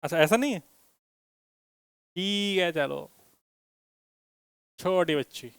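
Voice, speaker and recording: High-voiced man teaching physics. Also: expressive, slow, a bit bright, clean tone, dry recording. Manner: asks students questions, teasing and joking. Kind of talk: classroom lecture with students. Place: classroom.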